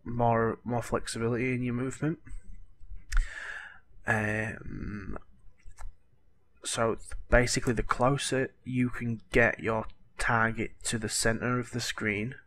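Over game-tutorial footage, a male gaming tutorial host with a cold and a cracking voice rambles chattily. His medium-pitched, slightly bright voice stays level and slow, filled with fillers, apologies, and plenty of "you know".

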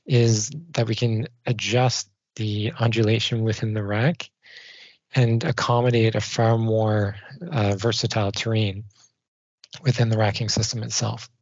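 A man, a civil designer, giving measured technical answers in a podcast interview. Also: on the low side, creaky, no echo. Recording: dull dry studio sound.

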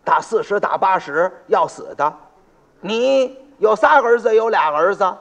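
A blustering old-time county magistrate in a comic monologue, played by a man. He lectures and scolds in an officious tone. His high voice rises and falls with lively swings. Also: unhurried, gravelly, heavily acted. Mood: lecturing. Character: pompous male county magistrate, hot-tempered and blustering.

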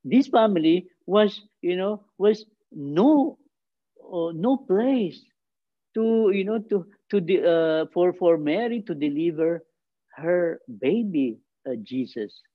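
A middle-aged man, a priest, giving a homily in a small chapel, speaking haltingly with many fillers and restarts and rising to emphatic peaks. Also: sits high, animated, no room sound, narrow, tinny audio.

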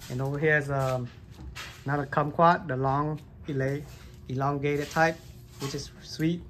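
A gardening vlogger films his own hands on a handheld phone while casually demonstrating hand-pollination in a basement grow room. His voice is fairly high and bright, with fairly even intonation and a normal pace, and he rambles loosely, filling gaps with "like" and "um." There's slight background noise.

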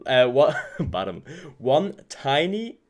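A man's voice: medium pitch, sing-song, slow pace, slight background noise. A young man from Germany hosting a casual reaction video at home, gushing and repeating his words as he watches. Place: home room with shelves. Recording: music playing behind the voice.

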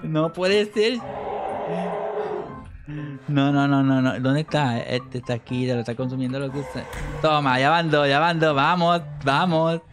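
A man commentating his own gameplay, excitable, shouting and laughing as he eggs himself on. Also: fairly high pitch, unhurried, over music. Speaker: gaming video host.

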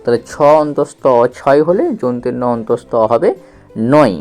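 A man's voice: mid-range voice, lively intonation, moderate pace, warm tone, faint music behind. A man gives a reading lesson for children. He spells out letters, repeats syllables and asks the listener questions. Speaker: teacher.

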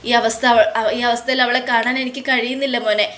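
Rahul, a guilt-ridden older father who begs and sobs, his words breaking off and restarting, read out by a woman in a fairly high voice. He sounds worn down by remorse. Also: fairly even intonation, fairly bright tone, close to an everyday voice. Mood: grieving. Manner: tearful, begging, halting repetitions. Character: scheming older father, grief-stricken and pleading.

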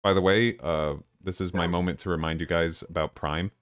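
A man streaming a game live, chatting casually with viewers in a low-key, deadpan way. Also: brisk, clean tone, dry recording. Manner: low-key and deadpan, even when excited. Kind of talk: casual live-stream chat while gaming. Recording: noisy with clicking in the background.

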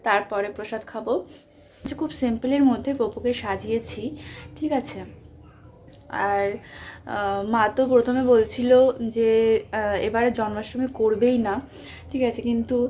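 A young Bengali woman vlogs at home, a little high in pitch, speaking quietly because her throat is sore. She chats to viewers with frequent tag questions. A faint hum sits behind her. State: sore throat, talking softly. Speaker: vlogger. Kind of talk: casual home vlog narration.

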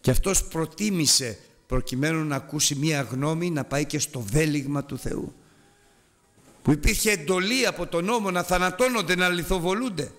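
This preacher has a fairly bright tone, and soft music plays in the background. He turns scripture into a dramatic story, his voice rising and dropping steeply while he addresses and exhorts his congregation directly.

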